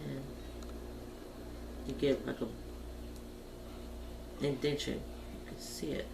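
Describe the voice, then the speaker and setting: Recorded on a far-off home camera mic in a roomy, noisy space, a woman hosts a colouring tutorial vlog, chatting and thinking aloud folksily as she colours. Her voice is a rumbling low creak, flat in delivery, and she takes things slowly.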